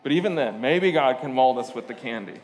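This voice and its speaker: A man's voice: mid-range voice, lively intonation, a little fast, in a large hall, slight background noise. A man from Portugal preaching a sermon, talking in a conversational, storytelling way with frequent "uh" fillers and asides. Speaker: pastor.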